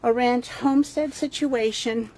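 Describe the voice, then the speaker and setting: A woman's voice: a little high, fairly even intonation, unhurried, a little mellow, low-quality recording. A woman from Texas giving a casual, unscripted video tour as host, chatty, meandering and enthusiastic, filming by hand in a warehouse. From El Paso, Texas. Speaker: crystal shop owner and host. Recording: clear background ambient noise.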